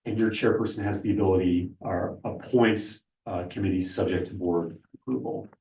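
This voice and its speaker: A man's voice: low-pitched, fairly even intonation, moderate pace, creaky, a little mellow. A man gives an informal legal training presentation to a board, speaking as its lawyer. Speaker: lawyer briefing a school board. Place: public board meeting room. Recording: echoey meeting room, far from mic.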